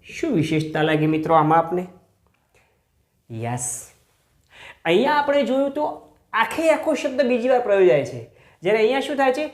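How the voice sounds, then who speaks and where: A man's voice: sits high, sing-song. Echoey male teacher asking questions. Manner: asks the class rhetorical questions; repeats example words slowly. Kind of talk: grammar lesson. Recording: echoey room.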